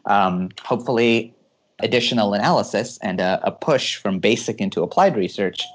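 A man from California answers interview questions as a guest engineer. His voice sits low, and he explains things eagerly, often laughing as he talks. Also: moderate pace.

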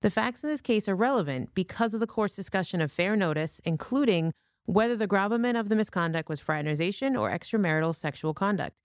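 A woman's voice: mid-range voice, expressive, fast talker, no room sound, clean studio sound. An American woman hosting a scripted legal discussion as a military lawyer. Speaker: podcast host, military lawyer.

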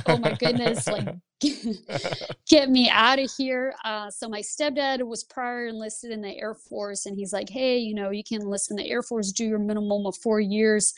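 A woman tells her story as a podcast guest, lively and quick to laugh. Her voice is smooth and resonant. The recording is close and dry. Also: a little high, dry recording. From Lithuania. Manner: lively, laughs while telling stories. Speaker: guest, Air Force pilot instructor. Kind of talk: casual interview storytelling.

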